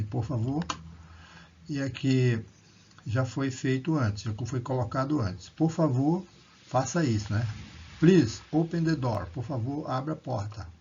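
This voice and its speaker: A man's voice: medium pitch, darkish tone, highs cut off, slight background noise. A man teaching basic English, reading short English phrases aloud and then translating and explaining them. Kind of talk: slow classroom explanation.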